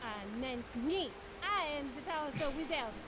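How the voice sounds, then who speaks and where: A woman's voice: sits high, expressive, normal speed. A woman voicing a boastful, threatening female wizard thief with a French accent and grandiose insults in a video game. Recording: hissy audio with rain noise.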